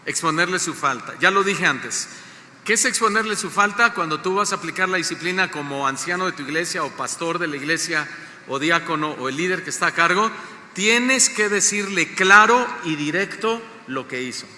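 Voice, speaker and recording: Mexican male pastor, sermon delivery, high and very bright voice, deliberate and emphatic, recorded in a reverberant church hall. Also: animated. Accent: Mexican Spanish. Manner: slow deliberate emphasis, questions to the congregation. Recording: echoey hall, faint noise.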